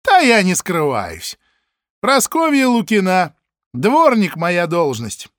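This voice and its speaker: A brash, coarse woman janitor, as a male audiobook narrator puts her on in a storybook reading. She talks crudely and mockingly, her voice raised high and loud with a lively swing. The sound is dry and close. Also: moderate pace, no echo.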